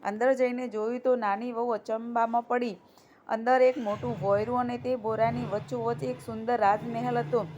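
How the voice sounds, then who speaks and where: A woman's voice: fairly high pitch, fairly quick, dull audio, a little hiss or hum. Woman steadily reading a folk tale. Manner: steady, plain storytelling. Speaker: storyteller.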